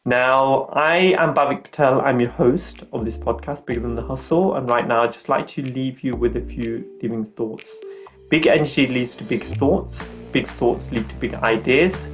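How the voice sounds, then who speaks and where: A man's voice: mid-range voice, moderate pace, faint music behind. A middle-aged man hosting a podcast, talking in an earnest, upbeat, motivational way. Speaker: podcast host.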